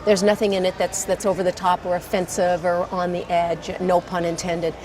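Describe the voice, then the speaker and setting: A woman talking about the film in a behind-the-scenes interview, upbeat and warm. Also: on the low side, flat delivery, normal speed, a little hiss or hum.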